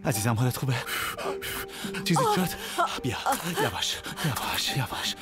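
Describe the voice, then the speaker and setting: A man dubbing a desperate, obsessive young man in a TV drama, shouting commands and then pleading softly. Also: very high-pitched, sing-song, heavily acted. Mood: pleading tender. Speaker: dubbed series character. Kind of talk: dubbed TV drama acting. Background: dramatic music score.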